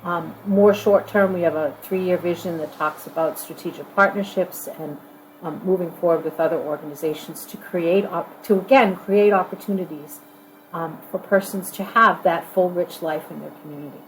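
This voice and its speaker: A woman giving an informal corporate training video talk as an organization leader to new staff, conversational and halting, repeating phrases for emphasis. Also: lowish voice, slight background noise, low-quality recording.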